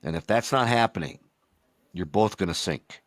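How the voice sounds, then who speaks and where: Expressive and low-pitched, a retired baseball umpire in his sixties talks at normal speed on a casual podcast, rambling through stories and acting out quotes. No echo is present.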